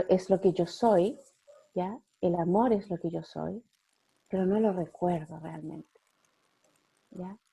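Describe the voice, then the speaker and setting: A middle-aged woman giving a gentle spiritual talk to a group, often checking in with her listeners. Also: on the low side, slightly rough. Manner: gentle, slow, with frequent "¿ya?" checks.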